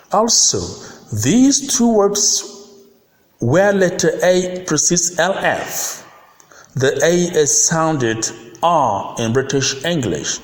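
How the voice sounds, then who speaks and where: A man teaching pronunciation, saying each word slowly and repeating it, comparing British and American sounds. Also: medium pitch. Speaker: phonics teacher. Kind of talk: slow pronunciation lesson. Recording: echoey room with long reverb.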